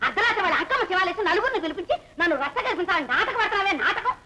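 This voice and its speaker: A woman's voice: extremely high pitch, lively intonation, racing, heavy background noise. An actress playing a cruel, taunting mother-in-law in an old film, with music behind her. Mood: scolding. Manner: scolding, taunting. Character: cruel, scolding older female mother-in-law. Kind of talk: 1960s Telugu film acting.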